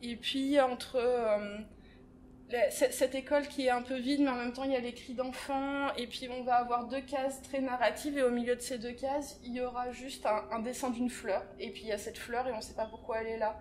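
Woman, library presenter, thoughtful, hesitant fillers, higher pitch, faint hiss. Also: flat delivery, normal speed, darkish tone. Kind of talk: casual book recommendation. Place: library, indoors.

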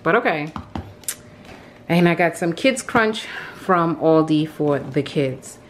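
Low, expressive and slow, her voice comes through with slight hiss or hum from a handheld phone camera. The thirty-something home vlogger stands in her kitchen showing a grocery haul, chatting about cleaning and venting with little laughs.

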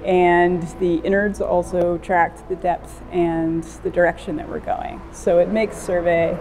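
A woman's voice: on the low side, flat delivery, measured pace, over music. A woman cave diver explaining survey work casually, with filler ums, in an outdoor interview on a lapel mic. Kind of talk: documentary interview. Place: outdoors in a forest.

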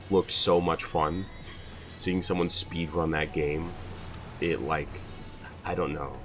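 A man's voice: extremely low pitch, fairly bright tone. A young man hosting his channel, answering viewer questions in a loose, rambling way with lots of fillers. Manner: rambling, many fillers, laughs at himself. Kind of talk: casual Q&A chat.

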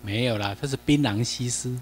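A man's voice: medium pitch, fairly quick, a little hiss or hum. Taiwanese-accented man lecturing in a reverberant hall. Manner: chatty, mixes in Taiwanese Hokkien, asks the class questions. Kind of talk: classroom lecture over slides.

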